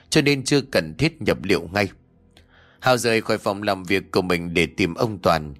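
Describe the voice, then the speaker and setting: A man narrates a scripted story in a low, steady voice. He reads at an even, measured pace, with soft music faintly under him.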